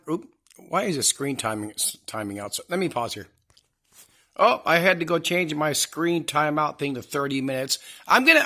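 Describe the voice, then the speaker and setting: Bright-voiced angry rambling vlogger. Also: mid-range voice. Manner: profane, angry, rambling with many restarts. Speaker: channel host. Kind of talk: rambling commentary rant. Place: house, indoors.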